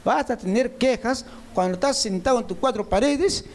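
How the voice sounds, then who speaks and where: A man's voice: very high voice, moderate pace. A man preaching a sermon, speaking straight to his listeners and driving points home through repetition. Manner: repetitive emphatic phrasing, speaks directly to listeners. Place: church meeting room.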